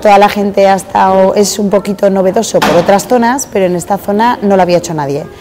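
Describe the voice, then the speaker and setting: A woman's voice: medium pitch, fairly even intonation, fast talker, noisy background. A woman in her forties, the organizer of a fair, answering interview questions hesitantly with many fillers in a busy hotel hall. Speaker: event organizer. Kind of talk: on-camera interview. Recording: crowd chatter behind.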